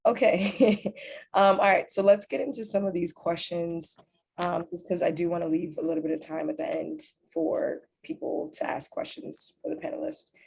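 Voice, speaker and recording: A woman's voice: fairly low pitch, animated, normal speed, gravelly, darkish tone, slightly rough. A woman in her twenties, from Uganda and raised in New York, moderating an online panel in a chatty, upbeat way. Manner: chatty, upbeat, many fillers like "like". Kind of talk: casual panel talk over video call. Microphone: video call.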